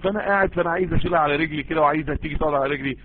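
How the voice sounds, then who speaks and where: Fast-talking Egyptian preacher on a tinny line. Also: male voice, fairly high pitch. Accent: Egyptian Arabic. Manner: earnest, emphatic, addresses listeners directly and repeats for stress. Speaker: preacher answering listener messages. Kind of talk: informal Islamic sermon and advice.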